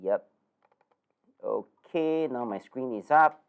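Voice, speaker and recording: A man's voice: mid-range voice, expressive, takes it slowly, gravelly, smooth, dull audio. A man hosts a live investing webinar, chatty and nasal, full of fillers and tag questions. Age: 50s. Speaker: investing course host.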